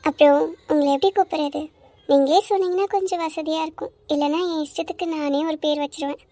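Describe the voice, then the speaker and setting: A woman's voice: high-pitched, fairly even intonation, dark tone, natural voice. A woman voicing a chatty, cheeky teenage schoolgirl in a cartoon series. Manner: chatty, cheeky, quick to tears. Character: chatty schoolgirl in twelfth grade. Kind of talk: Tamil cartoon series voice acting.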